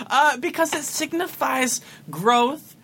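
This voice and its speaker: A man's voice: very high voice, pushed and bright. A man co-hosting a podcast in casual comedic chat, with a campy, sassy and theatrical delivery. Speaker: podcast co-host.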